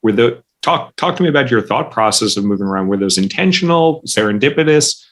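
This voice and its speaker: A man hosting a podcast interview, asking questions in a friendly, halting way with frequent restarts. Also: mid-range voice, animated, a bit bright. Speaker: podcast host. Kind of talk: casual interview conversation.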